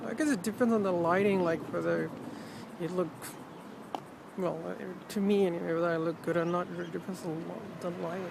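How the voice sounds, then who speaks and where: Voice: mid-range voice, fairly even intonation, brisk, gravelly. A vlogger chatting casually and reflectively outdoors with wind on the mic, often trailing off and rephrasing. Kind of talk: casual, rambling personal vlog chat. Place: outdoors in wind, with urban ambience. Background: strong wind noise.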